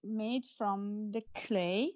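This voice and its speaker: Speaking extremely slowly in a mid-range, darkish voice, a woman whose first language isn't English talks earnestly about her faith and stories. She is an author being interviewed, and her speech is dotted with restarts and fillers.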